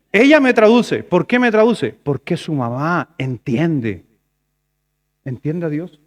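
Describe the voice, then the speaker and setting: Chilean pastor preaching, lively and conversational. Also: male voice, sits high. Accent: Chilean Spanish. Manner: conversational preaching, swings between loud emphatic and soft asides. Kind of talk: sermon.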